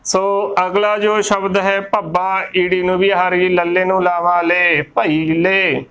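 A man's voice: high voice, little pitch movement, a little slow, fairly bright tone, smooth. A man with a Punjabi accent teaching the pronunciation of scripture, spelling words out letter by letter and repeating the right and wrong forms. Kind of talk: slow methodical pronunciation lesson.

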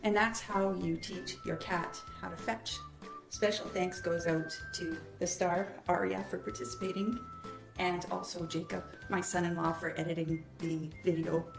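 A woman's voice: on the low side, creaky, echoey room, recorded from a distance. A middle-aged woman hosting a casual home how-to video, chatty with frequent ums, heard through old camcorder audio.

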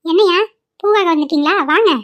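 A woman's voice: extremely high pitch, fairly quick, muffled recording, voice pushed up. A woman voicing a kindly old grandmother who sells flowers in a cartoon, with a coaxing, folksy way of talking. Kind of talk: cartoon voice acting.

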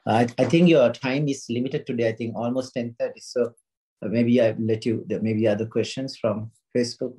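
A man in a Dharma chat, talking casually and haltingly on a video call. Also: mid-range voice, steady tone, mellow, husky.

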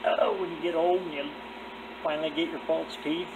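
A man in his sixties with slightly slurred, toothless diction, talking in a folksy, halting, rambling way as he vlogs from his car workshop. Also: on the high side, fairly even intonation. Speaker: car builder and vlogger. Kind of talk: casual shop vlog, talking while working. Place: cluttered metal garage workshop, indoors. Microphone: camera a short distance away, later handheld. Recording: clearly noisy workshop ambience.

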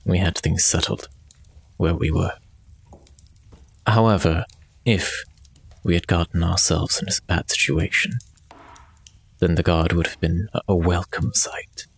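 A man playing a tabletop game, speaking in character in a measured, formal, quietly menacing way. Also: deep voice, steady tone, vocal fry, slightly rough. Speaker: player. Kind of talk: in-character tabletop role-play.

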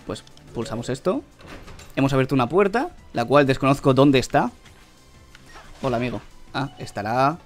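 Excitable young man gaming. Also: medium pitch. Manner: excitable, yelps and laughs while playing. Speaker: gaming channel host. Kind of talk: gameplay commentary.

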